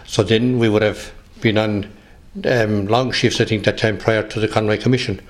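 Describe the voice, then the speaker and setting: Older man, low west of Ireland accent. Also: fairly even intonation. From Galway, west of Ireland. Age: 60s. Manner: halting, hesitant delivery with repeated words. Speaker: interviewee, retired police officer. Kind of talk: recollection in an interview.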